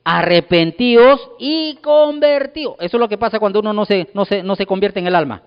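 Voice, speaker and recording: A pastor preaching a sermon, emphatic and repetitive, firing rhetorical questions at the congregation. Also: male voice, high-pitched, steady tone, racing, clear, resonant tone. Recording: dull lo-fi sound with long hall reverb.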